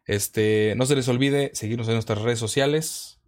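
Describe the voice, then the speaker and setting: A man's voice: mid-range voice, steady tone, normal speed. A man with a Mexican accent hosting a podcast in a casual, conversational way. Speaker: podcast host.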